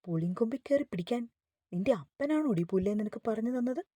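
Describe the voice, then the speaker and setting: A furious, arrogant young boss snaps out harsh, contemptuous scolding, as a woman reads him in her own voice. The tone stays dark and husky. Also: fairly high pitch, animated, brisk, dry recording. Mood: angry.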